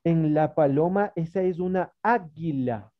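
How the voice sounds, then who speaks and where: A deep-voiced, unhurried primary school teacher with an Ecuadorian Spanish accent leads an online class for young children by video call. The muffled audio carries a little hiss or hum, and she coaxes the kids patiently with many diminutives.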